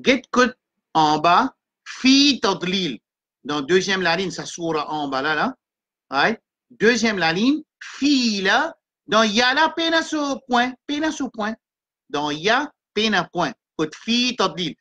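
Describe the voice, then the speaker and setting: A woman teaching Quran reading in a live class. She explains the letters step by step and chants verses slowly. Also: mid-range voice, sing-song, fairly bright tone.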